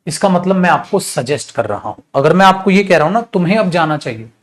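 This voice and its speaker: A man's voice: sits high, lively intonation, quick pace. Hindi-speaking man teaching spoken English.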